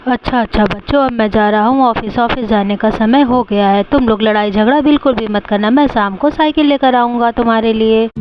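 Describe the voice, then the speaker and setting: A woman voicing a patient middle-aged father who calmly coaxes his child in a doll story. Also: fairly high pitch, a little fast, hardly any pauses, lo-fi sound, faint music behind, natural voice. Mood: reassuring. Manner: calm, coaxing, gently firm.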